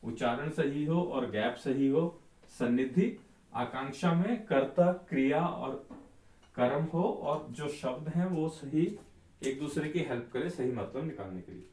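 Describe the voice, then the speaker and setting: A man teaching an Ayurveda class, explaining slowly and repeating the key terms. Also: on the high side, animated, darkish tone, recorded from a distance. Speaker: Ayurveda tutor. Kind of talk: classroom lecture. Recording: echoey room, voice off-mic.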